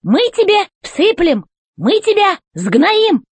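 Woman doing a shrill bossy robot chief. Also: sing-song, slow pace, dry recording, full character voice. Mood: barking orders. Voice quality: creaky, squeaky voice. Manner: barks orders, shouts.

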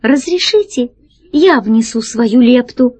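A woman voicing a small, quiet but stern male alien who foresees disasters, in a measured storybook reading. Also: a little high, lively intonation, slightly rough, pitched above the performer's own voice, full character voice. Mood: stern, solemn. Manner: soft, measured, then stern and ominous.

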